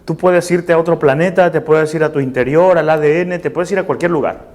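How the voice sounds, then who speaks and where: A man with a slightly high, somewhat quick, mellow voice lectures live to a seated class. He explains things step by step and seeks agreement through short tag questions, in a room full of seated listeners.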